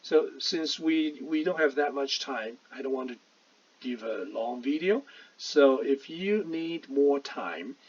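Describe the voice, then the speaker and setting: Husky man teaching English pronunciation. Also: medium pitch, expressive. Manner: slow, syllable-by-syllable modeling of English words. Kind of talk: casual online lesson. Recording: distant, dull lo-fi voice.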